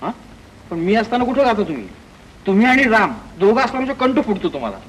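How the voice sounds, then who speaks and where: A man's voice: sits high, very animated, quick pace, slight background noise, rough recording. An actor playing a joking young male friend who teases and banters in an easy way, in a 1950s film. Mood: bantering. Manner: teasing, bantering.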